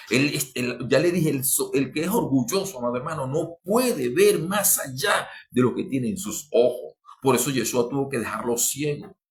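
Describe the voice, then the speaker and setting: A fervent male preacher gives a podcast sermon to his listeners, with sudden surges in pitch and loudness and phrases he repeats and starts over.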